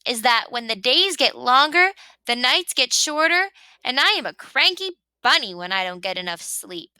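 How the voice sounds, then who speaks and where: A woman's voice: high voice, sing-song, normal speed, sharp tone, clean tone, no echo, voice pushed up, heavily acted. A woman voicing a cranky, stubborn rabbit who complains emphatically in a children's storybook read-aloud.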